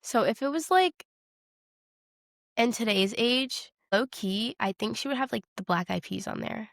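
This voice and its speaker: A young adult woman co-hosts a podcast, discussing films casually and candidly with youthful slang. Her voice is on the high side, a little slow and gravelly, in a dry, studio-quality recording.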